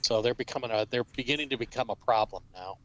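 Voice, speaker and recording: A man's voice: medium pitch, quick pace, a bit bright. A man talking casually as an author, rambling with fillers and restarts. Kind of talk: casual chat.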